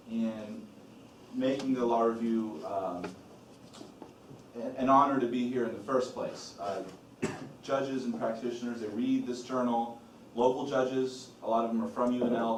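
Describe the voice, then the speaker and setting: A man from Illinois, editor-in-chief of a law review, leads a casual orientation for a group of students in a meeting room, loose and relaxed with frequent "uh" and "um." His medium-pitched voice sounds distant amid roomy echo and a little hiss or hum.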